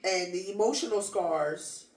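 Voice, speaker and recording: A woman's voice: medium pitch, measured pace. Emphatic woman in an echoey room. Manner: emphatic, repeats phrases for stress. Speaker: podcast co-host. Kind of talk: casual advice chat. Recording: echoey room, mic at a distance.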